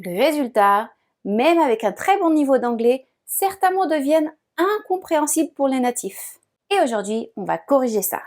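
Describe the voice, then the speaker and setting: A woman narrating a scripted language lesson as a pronunciation teacher, speaking clearly and deliberately and slowing down to model words. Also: high-pitched, sing-song.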